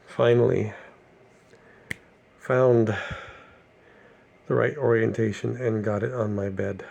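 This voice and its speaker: A middle-aged man talking through a casual personal video diary, a little out of breath, halting and wry about himself. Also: fairly low pitch, steady tone, gravelly, darkish tone, muffled recording. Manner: slow, halting, wry and self-deprecating. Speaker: vlogger.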